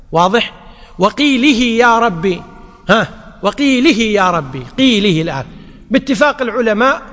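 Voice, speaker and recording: A man's voice: high-pitched, a bit bright. A man teaching grammar to a class. He repeats his points and keeps checking whether his listeners follow. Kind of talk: classroom lecture. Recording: long reverb of a large hall.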